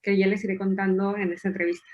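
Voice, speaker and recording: A woman's voice: medium pitch, very fast, muffled recording. Chatty Peruvian woman in her thirties. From Peru. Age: 30s. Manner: lively, chatty, laughs while telling her story. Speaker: podcast guest. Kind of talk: casual interview storytelling.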